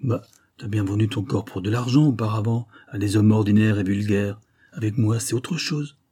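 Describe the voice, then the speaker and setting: A man's voice: mid-range voice, moderate pace, warm tone, slightly rough, no echo, clean studio sound, close to an everyday voice. A man voicing a mocking, lecherous police chief in an audiobook. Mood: smug leering. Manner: smug, mocking.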